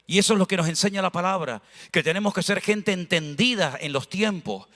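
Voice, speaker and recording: A pastor from Spain preaches a lively sermon full of anecdotes, speaking fairly quickly in a high, bright voice. He uses a handheld microphone in a church whose hall rings with long reverb.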